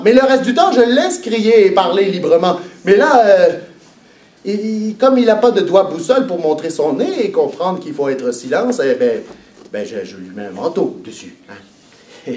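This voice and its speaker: Kids' stage pirate, a man acting, boastful and playful, Québécois accent, mic distant, room noise behind. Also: on the high side. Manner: animated, playful, talks to the children. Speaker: children's entertainer. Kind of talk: live children's stage show. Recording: echoey hall, mic far off, background noise.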